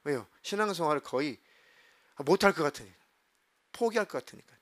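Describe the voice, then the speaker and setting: A man's voice: a little high, expressive, fairly quick. A male pastor preaching a sermon in a church, earnestly acting out his own past complaining prayers. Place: church sanctuary.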